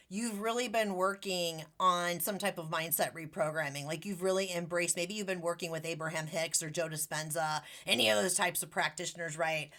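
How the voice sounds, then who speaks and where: Woman tarot reader, casual and gushing, talks straight to her viewers with a crisp, bright voice. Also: fairly low pitch. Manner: bubbly, chatty, affectionate, many fillers and "like".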